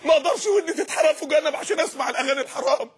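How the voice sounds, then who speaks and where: A man with an Egyptian Arabic accent preaching an impassioned sermon, often shouting. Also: extremely high pitch, rapid-fire.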